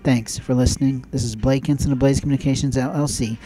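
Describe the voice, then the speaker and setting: A man's voice: mid-range voice, fairly even intonation, fast talker, warm tone, faint music behind, poor audio. A man hosting his own audio show, giving an emphatic, preachy monologue with lots of repeated phrases. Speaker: podcast host. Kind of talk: spoken opinion monologue.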